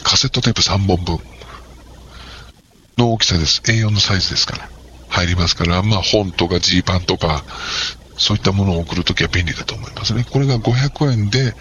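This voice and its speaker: A man with a lowish voice talks casually in an interview, explaining postal services in a chatty, jokey way. The recording is dull and lo-fi, with a faint hiss underneath. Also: fairly bright tone. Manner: chatty, jokey, practical advice-giving. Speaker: post office worker as guest.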